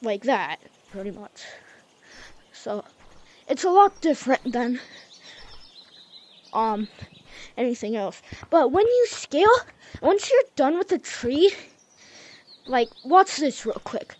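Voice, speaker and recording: A woman's voice: high-pitched, very animated, takes it slowly, pauses often. A young woman, a bit out of breath, chatting loosely as she teaches a game move by move. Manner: chatty, loose, says y'all and like. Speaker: gaming tutorial host. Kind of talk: casual game tutorial.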